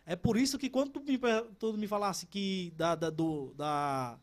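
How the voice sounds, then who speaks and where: A man's voice: sits high, measured pace. A man in his thirties, a cordel poet and podcast guest, talking casually in an interview with many restarts. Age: 30s. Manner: animated, stumbling restarts.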